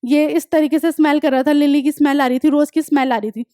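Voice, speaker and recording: A young woman teaching an English lesson online, explaining step by step, often checking that students follow, and reading examples slowly. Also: sits high, fairly even intonation, warm tone, no room sound, studio quality. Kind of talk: online class lecture.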